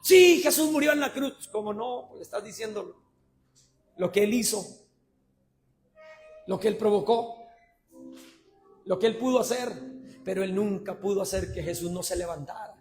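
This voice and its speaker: A man preaching a sermon, swinging between shouted passionate lines and low conversational asides. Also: normal speed, pauses often, soft background music.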